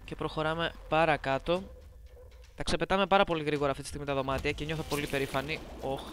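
A woman's voice: sits low, fairly even intonation, faint music behind. A woman giving casual let's-play commentary, playful and teasing as she chats to viewers on a close microphone. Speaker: gameplay commentator. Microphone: close desk microphone.

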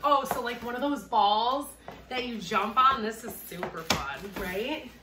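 Woman, upbeat unboxing chatter, fairly high voice, roomy echo, noisy background. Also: unhurried. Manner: chatty, upbeat, thinks aloud. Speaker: reseller vlogger. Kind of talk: casual unboxing chat. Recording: echoey room, mic at a distance, noisy.

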